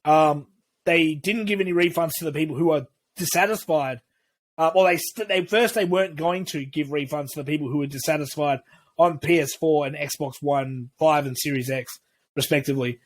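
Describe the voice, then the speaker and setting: A man's voice: on the high side, normal speed. A man co-hosting a casual podcast, rambling through his views with frequent restarts and cheerful swearing. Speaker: podcast co-host. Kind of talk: casual chat.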